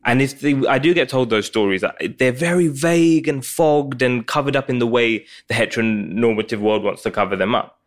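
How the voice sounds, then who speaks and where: A man's voice: mid-range voice, fairly quick. A man, a comedian guest telling stories animatedly and joking in a casual interview. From Pakistan, raised in England.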